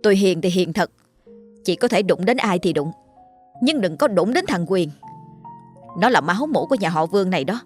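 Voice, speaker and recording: A woman voicing a young second wife who speaks calmly but firmly and cuttingly. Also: lowish voice, normal speed, pauses often, faint music behind, natural voice. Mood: defiant. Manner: calm but firm, cutting. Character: young, firm second wife, protective mother.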